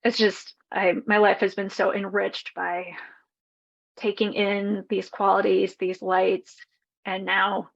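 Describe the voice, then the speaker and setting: Gravelly, husky woman healer. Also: mid-range voice, flat delivery, takes it slowly. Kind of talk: personal testimonial. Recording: dull lo-fi recording.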